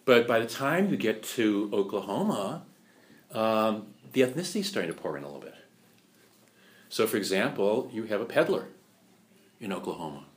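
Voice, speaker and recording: A man giving a lecture, chatty and animated, often asking rhetorical questions and laughing at his own points. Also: medium pitch. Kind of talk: lecture on musical theater history.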